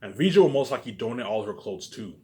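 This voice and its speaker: Talking fast in a lowish, slightly mellow voice with lively intonation, a Canadian male vlogger delivers a rambling, informal monologue. He repeats himself, halts, and trails off with habitual tags, swinging from emphatic profanity to muttered asides.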